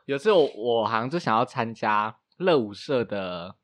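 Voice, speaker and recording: A young man, hosting a podcast and telling stories in lively, laughing casual chat. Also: mid-range voice, no room sound. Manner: animated, fast storytelling with laughs. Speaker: podcast host.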